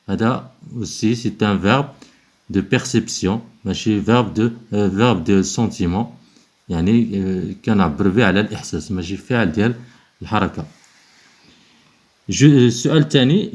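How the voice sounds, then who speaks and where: A man with a Moroccan accent, teaching French exercises, alternating quick explanation with slow, spelled-out dictation. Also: lowish voice.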